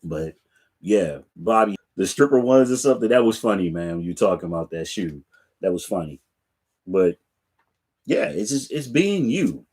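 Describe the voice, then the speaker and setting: A middle-aged man with a low, deep voice talks in an easygoing, unhurried way, addressing his viewers directly. His chat is loose and full of fillers, like a relaxed livestream from his sneaker stock room. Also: husky. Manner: laid-back, chatty, talks straight to viewers with fillers. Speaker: sneaker channel host. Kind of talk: casual live chat to viewers. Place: home room lined with sneaker racks.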